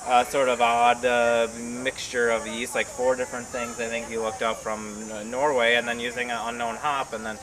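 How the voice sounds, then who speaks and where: Man, casual homebrew vlog host, mid-pitched, loose and rambling on a porch, faint hiss. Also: level tone, moderate pace, few pauses. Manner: rambling, filler-heavy, thinking aloud.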